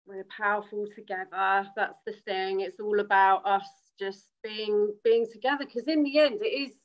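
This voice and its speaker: A woman's voice: medium pitch, fairly even intonation, normal speed, lo-fi sound. A woman co-hosting an earnest casual discussion over a video call, speaking emphatically with frequent restarts. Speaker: co-host.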